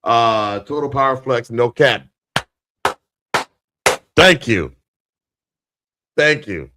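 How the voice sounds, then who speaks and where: A man's voice: mid-range voice, animated, drawn-out words, noisy background. A man co-hosting a casual live podcast, laid-back and slangy, laughing often. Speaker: podcast co-host. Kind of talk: casual live-stream chat.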